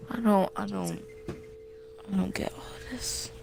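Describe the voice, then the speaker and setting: A woman's voice: mid-range voice, unhurried, gravelly, background noise. A woman co-hosting a livestream who reads a story aloud and chimes in bluntly with short reactions. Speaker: livestream co-host. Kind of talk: casual chat, reading a story aloud.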